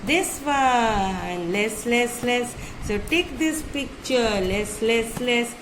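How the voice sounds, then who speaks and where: Primary teacher, female, Indian accent: high voice, very slow delivery, chanting like a children's party magician, noisy recording. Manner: animated, repetitive, sing-song like a kids' party magician. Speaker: primary school maths teacher. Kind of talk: children's lesson with playful chanting.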